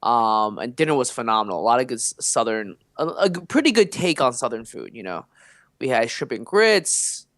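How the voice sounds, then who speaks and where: A young man on a casual podcast, talking in a plain mid-range voice as he winds through a long anecdote. He is loose and animated and fills his pauses with ums and uhs. The sound is dry and close to the mic. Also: medium pitch, dry recording. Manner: rambling, animated anecdotes with fillers. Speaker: podcast co-host. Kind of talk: casual chat, storytelling.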